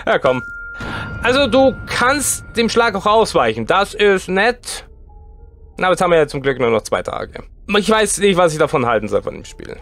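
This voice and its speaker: A man commentating a horror game as a let's play host, excitable and chatty, talking to the game's characters as he plays. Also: sits high, normal speed, a little hiss or hum.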